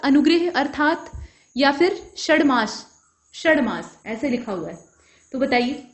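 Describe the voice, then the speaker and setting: A woman teaching an exam-prep grammar lesson, explaining each answer step by step and putting questions to the viewer. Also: sits high.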